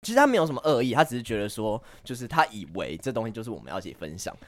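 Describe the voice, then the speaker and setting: A man chatting on a podcast, telling a long personal anecdote at a quick clip with a lively, bouncing pitch. He rambles through fillers and restarts. The sound is close and dry. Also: no room sound. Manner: rambling, lots of fillers and self-laughs. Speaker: guest. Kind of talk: casual podcast chat, storytelling.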